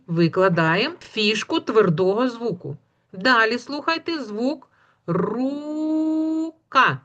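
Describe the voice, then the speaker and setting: A woman teaching a phonics lesson to young children, patient and slow, drawing out the sounds and praising often. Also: medium pitch, fairly bright tone. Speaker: kindergarten teacher.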